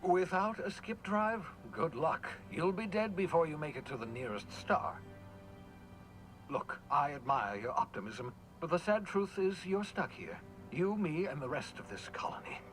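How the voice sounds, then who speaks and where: An actor playing an eccentric, rambling colony scientist in a video game, offhand and darkly cheerful. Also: male voice, on the high side, normal speed, a bit bright, soft background music, lightly acted, poor audio. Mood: scheming. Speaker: game character.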